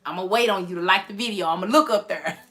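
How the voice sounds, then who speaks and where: Laughing, bright-voiced woman host. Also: mid-range voice, quick pace. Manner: laughing, teasing, animated storytelling. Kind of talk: casual chat.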